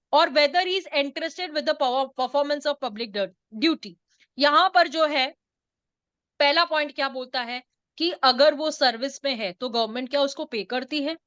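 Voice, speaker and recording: A woman teaches a law lesson, explaining terms and firing quick questions at her students. Her voice is high and bright. The sound is dry and a little muffled. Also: dry recording. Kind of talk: online law lecture.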